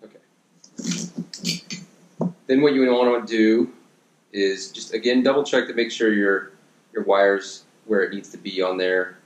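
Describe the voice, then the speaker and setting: A man in his thirties giving a relaxed how-to demonstration in his home gym, with lots of fillers as he works with his hands, recorded by a camera a few feet away. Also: fairly low pitch, unhurried, long pauses, slight background noise. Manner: relaxed instructional, many fillers and restarts; working with his hands while talking. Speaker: fitness coach. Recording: echoey room.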